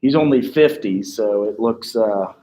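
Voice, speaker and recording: A man giving casual spoken commentary on a documentary, thinking out loud and pausing to work things out. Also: on the low side, poor audio. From United States. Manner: musing, thinks out loud with pauses.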